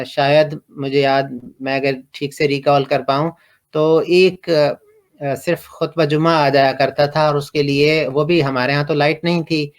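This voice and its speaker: A middle-aged man from Pakistan, telling his personal story slowly and hesitantly, with many pauses and fillers. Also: fairly high pitch. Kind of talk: reflective personal testimony.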